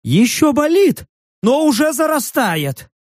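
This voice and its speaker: Man doing a furry beast-man, shrill yelping voice, touchy, defensive, slow drawn-out words, dry close sound. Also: very animated, no echo, full character voice. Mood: eager, boastful. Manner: high yelping, defensive shouting.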